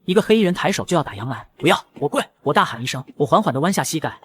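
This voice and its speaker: A man tells a dramatic story in the first person, racing through the lines at a very fast clip. His voice is husky and sits a little high for a man. He reads it as scripted narration. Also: sing-song, fairly bright tone.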